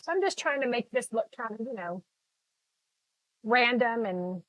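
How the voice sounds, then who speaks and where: A middle-aged Texan woman, an art instructor, chats casually and rambles on a phone-recorded live stream while she paints, greeting viewers by name. Her voice sits on the high side and sounds animated at a normal speed. The recording is low quality but has no echo.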